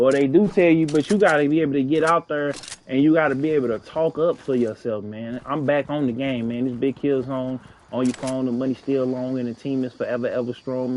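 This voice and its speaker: A man with a St. talks while he plays a game, earnest and a bit preachy. He circles back and repeats phrases to press his point home. A faint hiss sits under his mid-pitched voice. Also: darkish tone. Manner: earnest, preachy, repeats himself, street slang. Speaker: gaming streamer. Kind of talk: casual advice talk while gaming.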